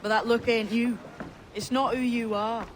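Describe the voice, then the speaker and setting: A woman's voice: fairly high pitch, little pitch movement, moderate pace, slight background noise, close to an everyday voice. A woman playing a shrewd, teasing young pirate in a video game. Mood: knowing, teasing. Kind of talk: video game character acting.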